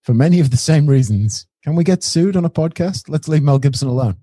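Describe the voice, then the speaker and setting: A man's voice: on the high side, lively intonation, brisk, mellow, breathy edge, no room sound. A man co-hosting a podcast, chatting casually and a bit ramblingly about a film. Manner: chatty, rambling, with small restarts. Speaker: podcast co-host reviewing a film.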